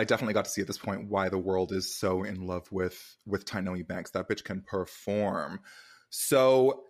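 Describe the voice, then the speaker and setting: Casting: male podcast host, slightly deep, gushing and camp, conversational interviewing. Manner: effusive, campy, uses endearments.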